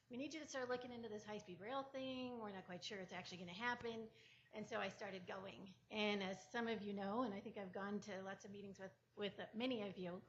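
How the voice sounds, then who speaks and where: A woman's voice: mid-range voice, a little hiss or hum. An older woman from California's Central Valley giving earnest, impassioned public testimony at a board meeting, into a podium microphone. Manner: earnest and impassioned, rising in force. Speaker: public commenter. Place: public hearing room. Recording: muffled meeting-room audio.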